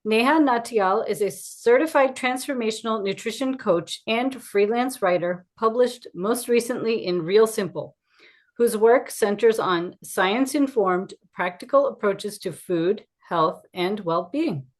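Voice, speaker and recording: A middle-aged woman, a wellness coach, hosts a podcast, introducing the show and interviewing a guest. Her voice is medium in pitch and a little slow.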